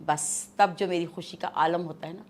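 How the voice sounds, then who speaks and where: A woman's voice: on the low side, steady tone. A woman guest with a Pakistani Urdu accent, talking in a haughty, scolding mother-in-law manner in a comic interview. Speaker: guest actress.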